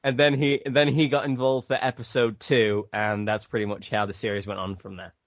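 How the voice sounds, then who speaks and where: A man's voice: mid-range voice, level tone, a little fast, dry recording. A man who makes a fan abridged series, talking casually in an interview, rambling with lots of fillers. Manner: rambling, filler-heavy, laughs often. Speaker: abridged series creator and voice actor. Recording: dull lo-fi voice chat audio.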